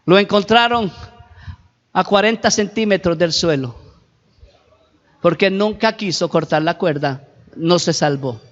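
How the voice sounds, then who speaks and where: A man's voice: sits high, unhurried, pauses often. A man preaching a sermon as pastor, emphatic, repeating and stretching key words. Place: church hall. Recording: reverberant hall, dull lo-fi recording.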